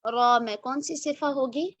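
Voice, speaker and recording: A woman teaching Quran recitation online, drawing verses out slowly for repetition, then correcting and praising briskly. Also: high-pitched, no echo. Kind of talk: online tajweed lesson, call and repeat.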